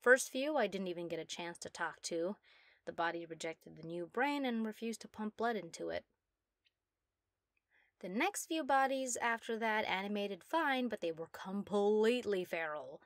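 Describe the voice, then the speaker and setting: A woman's voice: medium pitch, animated, normal speed, no echo, natural voice. Girl doing a mad scientist lady, asmr ASMR role-play, proud n giddy, kinda theatrical, super dry close sound. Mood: matter-of-fact storytelling. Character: young female mad scientist, proud, giddy, obsessively ambitious.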